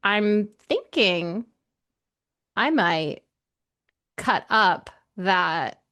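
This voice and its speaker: A woman's voice: medium pitch, expressive, extremely slow, sharp tone. Playful woman podcast co-host. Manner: playful, upbeat, laughs at own jokes. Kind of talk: casual book podcast chat.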